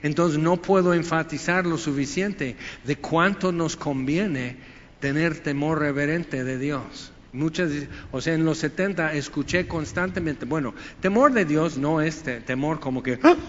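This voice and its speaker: An older man preaching a sermon, animated, swinging from loud bursts to hushed asides. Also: on the high side, a little slow. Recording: dull recording with long hall reverb and faint hiss.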